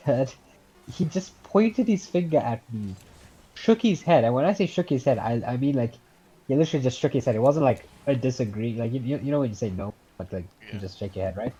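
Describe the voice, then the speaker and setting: Rambling Scouse young man, lively pitch. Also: a little fast, breathy edge, lo-fi sound. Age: late teens. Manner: rambling, swears often, chuckles at his own story. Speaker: podcast host. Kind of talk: casual storytelling.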